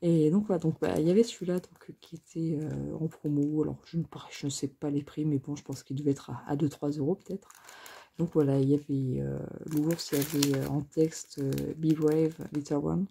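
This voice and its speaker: A woman's voice: sits low, fairly even intonation, fairly quick, creaky, dark tone, husky. A woman chatting casually and rambling through a crafting haul, with many fillers and self-mocking asides. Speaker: crafting vlogger.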